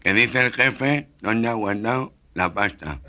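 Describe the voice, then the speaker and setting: Man doing a slow, nasal-voiced fellow. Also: fairly low pitch, pushed and bright. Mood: bewildered.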